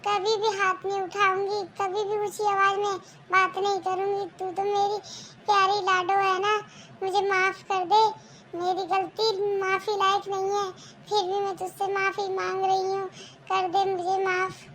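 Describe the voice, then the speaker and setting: A young voice doing a shrill scolding mother-in-law. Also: monotone, fairly bright tone. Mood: pleading. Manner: shrill, rapid scolding then pleading. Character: harsh scolding mother-in-law turned tearful. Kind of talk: cartoon voice acting.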